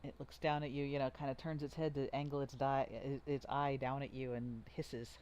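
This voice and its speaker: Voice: mid-range voice, level tone, normal speed, darkish tone, clear, resonant tone. A game master narrating a tabletop fight in a vivid, playful way.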